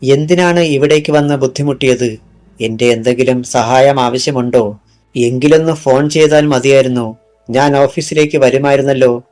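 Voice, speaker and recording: A man voicing a smooth, evasive male hospital doctor in an audiobook, polite and calm as he denies everything. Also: mid-range voice, normal speed, natural voice.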